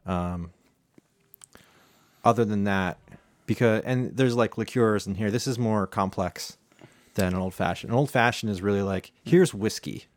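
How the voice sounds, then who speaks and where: A man's voice: on the low side, normal speed, long pauses, no room sound. A man hosting a casual chat, explaining a drink recipe with plenty of fillers and restarts. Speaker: home bartender host.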